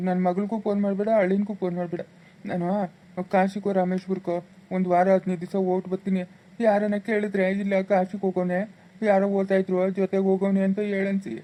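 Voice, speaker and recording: A woman's voice: medium pitch, flat delivery, fast talker, mellow, lightly acted. A woman playing a guilty village husband who begs his wife for forgiveness, speaking with a rural Chikkaballapura Kannada accent in a pleading way. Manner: pleading and begging. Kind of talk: village family drama skit.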